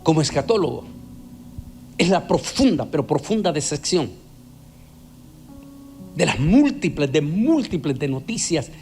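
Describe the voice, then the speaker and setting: A man's voice: a little high, big pitch swings, a little slow, long pauses, a little mellow. A man preaching as an evangelist, emphatic and repeating words for stress. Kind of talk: preaching sermon.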